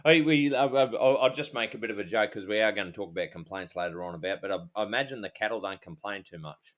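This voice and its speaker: A middle-aged man with an Australian accent and a fairly low voice. He co-hosts a podcast in casual chat, speaking in an informal, blokey way full of matey slang. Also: fast, a bit bright. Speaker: podcast co-host.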